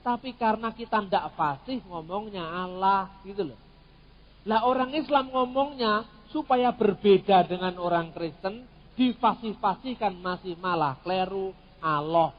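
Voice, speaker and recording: A middle-aged man with a fairly high voice, teaching theology in a lively, joking way. His words carry the long echo of a hall, and the recording sounds a little dull. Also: unhurried. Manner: animated, jokey, mixes in Javanese words. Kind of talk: lively teaching talk with humor.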